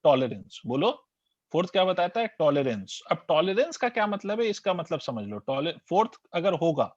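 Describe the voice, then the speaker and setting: A man's voice: a little high, big pitch swings, moderate pace, no echo. Man teaching, quizzing his class. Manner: quizzes students, repeats key terms. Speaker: physics teacher. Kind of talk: classroom lecture mixing Hindi and English. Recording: dull lo-fi dry recording.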